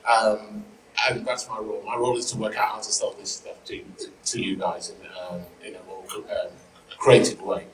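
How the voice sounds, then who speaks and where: Deep firm voiced guy chatting on a panel, jokey, echoey room, bit far from the mic. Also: level tone, moderate pace, a little hiss or hum. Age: middle-aged. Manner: informal, joking, mild swearing. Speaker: panel speaker, insight director. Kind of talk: informal panel talk. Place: live panel event room, microphone.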